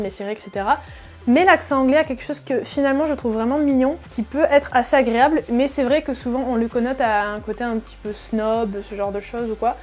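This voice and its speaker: A woman with a somewhat high voice talks her viewers through a clip, leaning on fillers and restating her points as she goes. Soft music sits faintly underneath. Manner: chatty, many fillers and repeated "effectivement". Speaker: host reacting to a video. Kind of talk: explanatory casual commentary.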